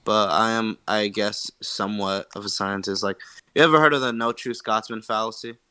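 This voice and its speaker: A man's voice: fairly low pitch, fairly even intonation, moderate pace, bright, forceful tone, clear, resonant tone. A man taking part in a casual voice-chat discussion, rambling with many fillers. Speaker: participant.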